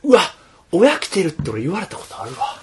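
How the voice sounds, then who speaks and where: A man's voice: high-pitched, wildly swooping pitch, brisk, a little hiss or hum. A young man with a Kansai accent co-hosting a casual podcast chat in a laid-back, teasing way. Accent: Kansai Japanese. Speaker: podcast co-host.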